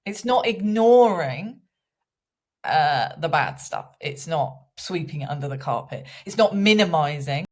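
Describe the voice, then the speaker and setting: A woman's voice: low voice, lively intonation, measured pace. A woman hosting a podcast, talking reflectively and sometimes restarting her phrases. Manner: reflective, restarts phrases, puts on soothing voices. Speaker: podcast host. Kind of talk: casual podcast conversation.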